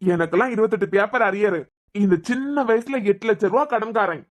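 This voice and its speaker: A woman's voice: mid-range voice, brisk, natural voice. A woman with a Kanyakumari Tamil accent voicing a cheeky young man who teases and jokes in a cartoon series. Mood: joking. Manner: teasing, wisecracking. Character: joking young man, cheeky debt-ridden student. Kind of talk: cartoon web series dialogue.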